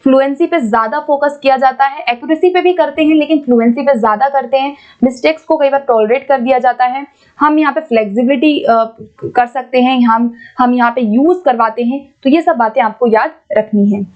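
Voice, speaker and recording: A woman teaching an exam-prep lesson, patiently explaining and reading English questions out slowly. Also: high-pitched, highs cut off. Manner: explains patiently, repeats points, keeps checking with "ठीक है".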